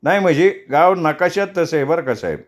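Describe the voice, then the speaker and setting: A man doing a high-voiced, eager villager. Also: lively intonation, brisk, close to an everyday voice.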